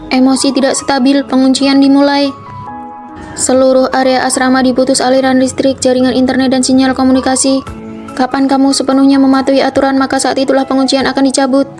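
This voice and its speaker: A woman's voice: high-pitched, monotone, fairly quick, a little mellow, faint music behind, close to an everyday voice. A woman voicing a strict, emotionless female training robot in a dubbed drama, with formal, clipped delivery. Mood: cold, commanding.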